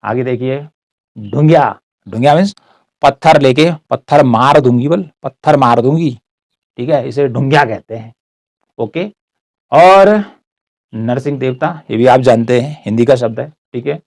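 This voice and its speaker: A man's voice: mid-range voice, moderate pace, long pauses, darkish tone, no room sound. A dry-voiced man teaching word meanings. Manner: repetitive, checks in with "ठीक है". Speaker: teacher explaining Garhwali words. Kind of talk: explanatory word-by-word lesson.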